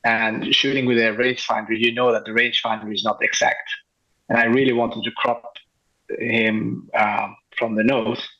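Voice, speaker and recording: A man, a street photographer chatting as an interview guest, enthusiastic and halting with frequent restarts. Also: medium pitch, level tone, sharp tone, dull audio. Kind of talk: casual interview chat.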